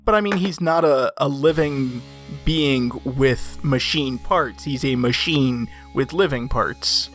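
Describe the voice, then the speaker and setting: A man's voice: mid-range voice, slow, fairly bright tone, soft background music. A man co-hosting a podcast in casual chat, laying out rules in a matter-of-fact way. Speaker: podcast co-host.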